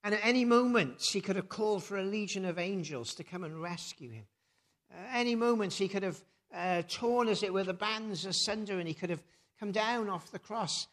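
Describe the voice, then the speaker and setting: A man's voice: high-pitched, moderate pace, a bit bright. A man preaching a reflective sermon before a communion service, with many rhetorical tag questions and thoughtful hesitations.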